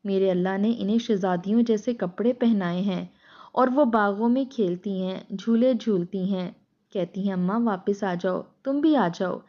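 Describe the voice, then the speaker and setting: A woman's voice: mid-range voice, highs cut off, natural voice. A woman voicing a grieving mother driven mad by hunger and loss, in a tearful, pleading lament.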